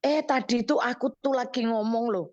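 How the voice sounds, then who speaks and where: Woman, middle-aged, Javanese accent, radio counselor, lively storyteller, slightly high voice. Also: normal speed, dry recording, dull audio. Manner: animated storytelling, acts out her own quoted words. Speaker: evangelist counselor. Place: radio studio.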